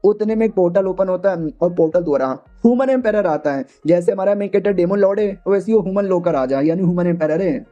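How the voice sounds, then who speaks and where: A man's voice: sits high, quick pace, hardly any pauses, warm tone, lo-fi sound. A man casually retelling a manga story, voicing every character himself in short quoted bits. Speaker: manga recap narrator. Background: faint background music.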